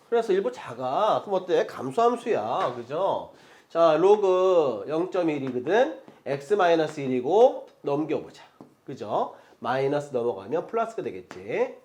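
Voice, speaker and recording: A middle-aged man lecturing on math, his voice sitting somewhat high and swinging up and down with energy. He explains step by step and keeps punctuating points with quick check-in questions to his students. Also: a little mellow. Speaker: math teacher.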